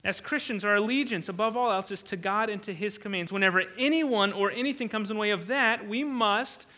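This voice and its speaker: A man's voice: high voice, brisk, pushed and bright. A man preaching a sermon in an earnest, emphatic way, repeating key words and restarting sentences. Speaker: pastor.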